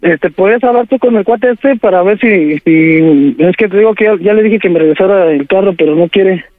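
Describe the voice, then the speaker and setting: A man's voice: high voice, a little fast, no echo, narrow, tinny audio. Pleading man. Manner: pleading, stalling. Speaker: caller helping with a prank.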